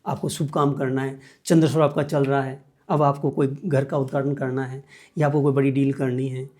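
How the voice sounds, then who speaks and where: A man's voice: mid-range voice, level tone, moderate pace, a little mellow. A man teaching meditation as a guest, explaining each step patiently and repeating key points. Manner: patient, repetitive step-by-step instruction.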